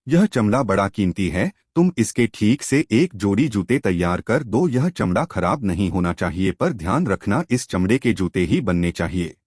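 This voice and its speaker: A man's voice: lowish voice, big pitch swings, moderate pace, few pauses, a little mellow, slightly rough, no room sound, studio quality. A man voicing a king's soldier who gives firm orders, in a storytelling reading. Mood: commanding. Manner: commanding, instructive.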